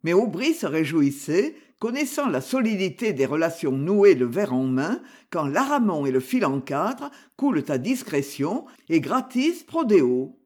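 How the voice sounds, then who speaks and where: Slow, husky audiobook narrator. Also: medium pitch. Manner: measured, expressive reading. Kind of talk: scripted narration of a detective novel.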